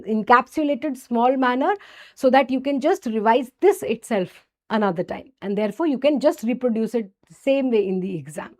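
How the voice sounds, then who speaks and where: A woman's voice: fairly high pitch, darkish tone. A woman with a North Indian accent teaching a medical lesson, asking and answering her own questions, checking in often and slipping Hindi phrases into English. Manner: didactic, asks and answers own questions, frequent check-in tags like okay and right. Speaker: medical lecturer. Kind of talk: exam-focused microbiology lesson.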